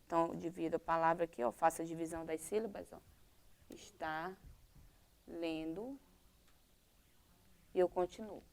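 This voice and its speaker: A woman with a Brazilian Portuguese accent teaches young pupils in a recorded lesson. Her voice sits a little low, and she explains patiently step by step, checking in with short questions as she goes. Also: steady tone, very fast, creaky, few pauses, darkish tone. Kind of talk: recorded primary-school lesson.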